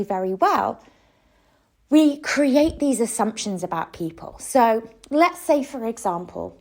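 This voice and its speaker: A woman speaking as a self-love coach in a conversational, encouraging way, posing reflective questions directly to the listener. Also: a little high.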